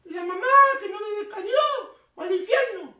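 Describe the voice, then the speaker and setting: A woman in a clown preacher role tells a Bible story to children in a very high, squeaky voice. She sounds giggly and half-tearful and repeats words in a sing-song way. She is heard from some distance in an echoey room. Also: brisk, a bit bright.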